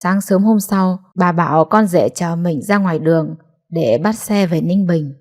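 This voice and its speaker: A woman's voice: fairly low pitch, a little slow, a little mellow. Woman narrating a family story.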